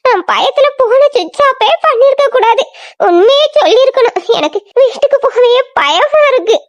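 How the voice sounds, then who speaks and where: A performer playing a very high, fearful young woman. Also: lively intonation, moderate pace, dull audio. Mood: tearful fear. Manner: tearful, pleading, fearful. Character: timid, frightened young woman, a worried girlfriend. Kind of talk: amateur audio drama acting.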